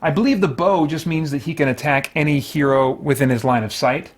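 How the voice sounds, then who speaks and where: A man with a voice on the high side plays a tabletop game on his own as host, thinking aloud haltingly and commenting casually without a script.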